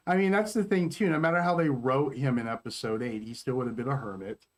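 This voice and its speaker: A man co-hosting a fan review podcast in casual chat, animated and full of fillers that trail off. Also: medium pitch, quick pace. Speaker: podcast co-host.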